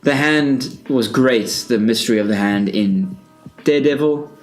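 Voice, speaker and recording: A man co-hosting a casual podcast, talking at an everyday middle pitch. He is opinionated and works his thoughts out aloud, restarting his sentences as he goes. Faint music sits underneath him. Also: normal speed, low-quality recording. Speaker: podcast co-host. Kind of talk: casual chat.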